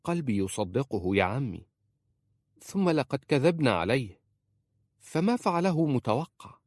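A man's voice: fairly low pitch, expressive, normal speed, a little mellow, no echo, studio quality. A man voicing an earnest young wife who pleads with her uncle in a story reading. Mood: pleading.

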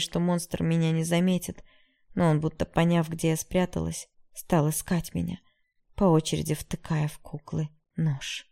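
Woman audiobook narrator, gravelly, mellow, first-person novel reading. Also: on the low side.

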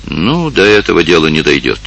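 A man voicing a calm and firm old village elder in an audiobook. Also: normal speed, husky, heavily acted. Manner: calm, firm, low and steady.

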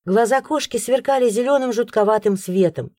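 A woman narrating a first-person audiobook in an expressive storytelling manner. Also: a little high, brisk, no echo, studio quality.

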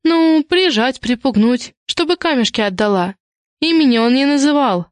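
Woman doing a squeaky tearful young woman. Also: animated, moderate pace, dry recording. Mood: nervous. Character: frightened young woman Kiska, whiny, defensive.

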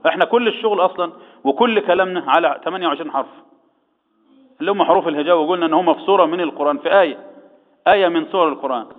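With a fairly high pitch and quick delivery, an Egyptian Quran teacher leads a tajweed lesson, asking the class questions and answering them on his own. Echo and a tinny, phone-like tone color the audio.

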